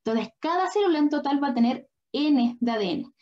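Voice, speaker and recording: High-voiced young woman tutor, lo-fi audio. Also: expressive, brisk. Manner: patient, checks understanding with frequent questions. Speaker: biology tutor. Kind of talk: online lesson explaining at a drawing board. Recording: dull lo-fi online class audio.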